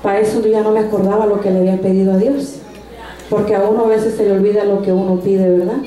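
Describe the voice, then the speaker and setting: At a church service, a woman shares a personal faith testimony earnestly, often restarting her sentences. Her medium-pitched voice is mellow, her delivery flat and quick, and the room sounds echoey.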